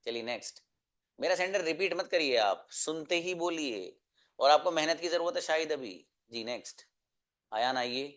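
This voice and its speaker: Strict online English teacher, clear voice. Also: male voice, on the high side, animated, moderate pace, fairly bright tone. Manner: firm, scolding then encouraging. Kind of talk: online class drilling students. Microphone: video call.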